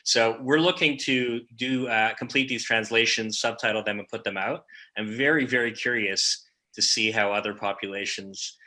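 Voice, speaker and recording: A man's voice: fairly low pitch, normal speed, pushed and bright. A man, guest on a casual online chat, talking about his comedy projects in a rambling way with many fillers. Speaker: comedy series co-creator, guest.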